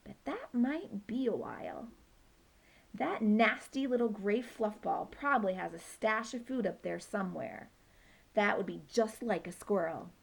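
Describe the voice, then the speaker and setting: A woman's voice: mid-range voice, animated, unhurried, vocal fry, slightly rough, exaggerated voice. Poo Poo, a woman voicing a ranting squirrel-hating dog. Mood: determined. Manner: shouty, indignant rants. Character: excitable male dog obsessed with hating squirrels. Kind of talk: children's book read-aloud.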